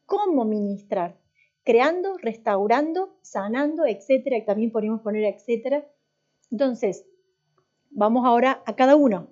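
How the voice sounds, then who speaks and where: A woman with a high, mellow voice teaches a church class, talking it through casually and quizzing the students as she goes. She often breaks off and restarts her sentences. The recording sounds dull and lo-fi. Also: lively intonation, normal speed. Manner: conversational, asks the class questions, many restarts. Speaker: worship and voice teacher.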